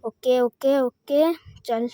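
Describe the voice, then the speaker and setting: Excitable woman gamer. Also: takes it slowly, no room sound, clean studio sound. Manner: excitable, mixes Hindi phrases, counts numbers aloud. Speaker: gaming channel host. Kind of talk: excited gameplay commentary.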